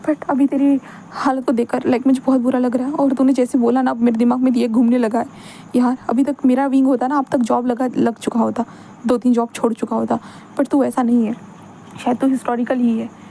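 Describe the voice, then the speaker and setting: A woman's voice: on the high side, level tone, fairly quick, vocal fry, warm tone, a little hiss or hum. A woman voicing a blunt, caring young male best friend who talks in a brusque, matter-of-fact way. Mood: worried.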